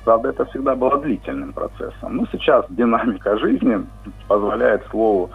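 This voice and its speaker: Professor on a tinny phone line. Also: male voice, medium pitch, lively intonation, vocal fry, breathy edge. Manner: measured, lecturing with many hesitations. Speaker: linguistics professor, phone guest. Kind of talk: radio phone interview.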